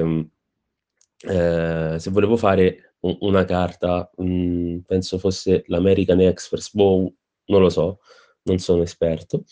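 Laid-back young man with a low, mellow voice. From Rome, Italy. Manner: laid-back, swears, trails off with fillers. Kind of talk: casual anecdote.

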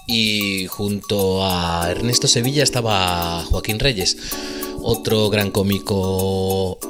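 Deep, slow radio host over salsa. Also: male voice. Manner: halting, with many filler sounds. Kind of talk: presenting a radio segment. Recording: loud salsa music under the voice.

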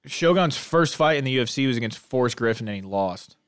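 A man in his late twenties, co-hosting a podcast with quick, laughing banter and plenty of swearing. His voice swings up and down. The recording is dry and close. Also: mid-range voice, lively intonation, smooth, dry recording. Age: late 20s. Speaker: podcast co-host. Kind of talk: casual chat.

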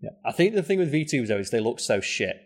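Animated man chatting casually. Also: fast talker. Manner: animated, swearing, pitch jumping up in mock quotes. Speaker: podcast co-host. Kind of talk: casual chat.

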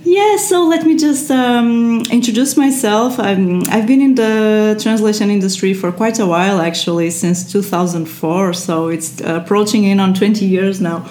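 A woman from Portugal, an SEO translator, chats casually as a podcast guest in an echoey room. Her medium-pitched, slightly mellow voice moves at a normal speed with few pauses, full of fillers, restarts and frequent small laughs.

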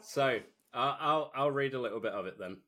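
A man's voice: medium pitch, a little fast, a bit bright. A British man co-hosting casually, talking in an informal, joking way. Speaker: podcast co-host. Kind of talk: casual chat with reading aloud.

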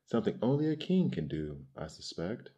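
A man's voice: lowish voice, big pitch swings, moderate pace, mellow. A man voicing a vain, careless male spider king in a storybook folktale. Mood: proud. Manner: proud and careless.

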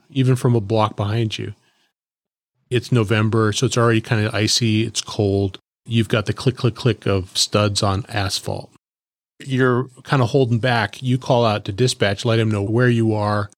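Low-voiced former cop, dry close sound. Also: male voice, no room sound. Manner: reflective, steady storytelling. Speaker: former police officer. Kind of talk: podcast commentary.

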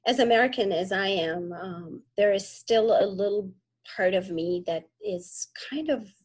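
A young adult woman from the Middle East, a podcast guest talking casually and haltingly, with many fillers and restarts. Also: medium pitch, husky. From Middle East (born in Kuwait, raised in Egypt). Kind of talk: casual interview talk.

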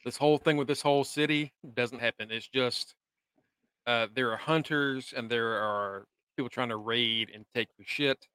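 A man's voice: medium pitch, moderate pace, pushed and bright, clean tone, no echo. A young adult man, co-hosting a podcast, talkative and laughing, swearing freely in casual chat. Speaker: podcast co-host. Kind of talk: casual chat recapping a show.

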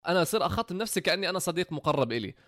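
Casting: man, casual talk-show host, rapid delivery, slightly high voice. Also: no echo, studio quality. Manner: quick, animated, acts out quotes. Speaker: content creator hosting a conversation. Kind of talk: casual chat.

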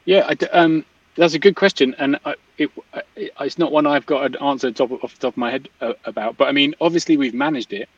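A man thinks aloud in casual explanatory talk, halting and rephrasing often. He sits away from the mic, and the recording is dry and a little muffled. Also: mid-range voice, slightly rough, dry recording. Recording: distant mic, slightly dull, dry sound.

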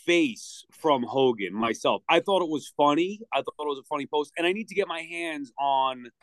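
A man's voice: a little high, lively intonation, moderate pace, no echo. A man co-hosting a casual podcast, talking in a wry, teasing, matter-of-fact way. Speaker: podcast co-host. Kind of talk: casual chat.

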